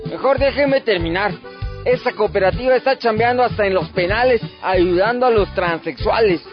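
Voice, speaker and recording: A man's voice: sits high, moderate pace, faint music behind, close to an everyday voice. A man with a Mexican accent playing a sassy, gossipy host in a radio comedy sketch, teasing his guest. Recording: lo-fi radio broadcast.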